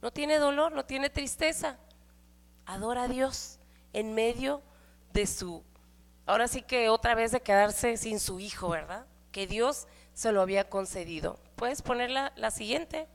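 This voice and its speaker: Woman, middle-aged, Mexican Spanish accent, church speaker, conversational sermon, rhetorical questions, higher voice, long hall reverb. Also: unhurried, gravelly.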